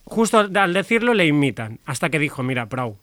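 A man leading a casual radio discussion. His voice sits a little high and sounds dry and close. He talks in bursts, often restarting his sentences mid-thought. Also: sing-song, a little fast, fairly bright tone, dry recording. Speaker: radio segment presenter.

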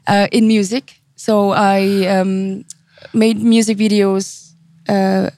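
A woman's voice: medium pitch, slow, dry recording. Woman singer in a chat, laid back, fillers everywhere, middle voice, dry sound. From Switzerland. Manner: relaxed, many fillers and restarts. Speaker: singer, guest. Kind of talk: casual chat.

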